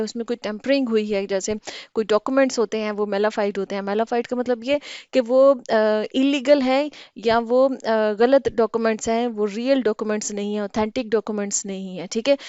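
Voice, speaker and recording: A woman's voice: fairly high pitch, darkish tone, clean tone, dry recording, dull audio. A woman teaching English vocabulary in Hindi, explaining patiently and often checking "ठीक है?".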